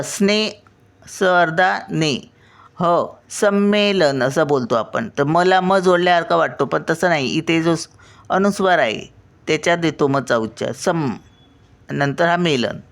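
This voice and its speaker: A woman's voice: deep voice, measured pace. An older woman with a Marathi accent, patiently teaching children pronunciation syllable by syllable.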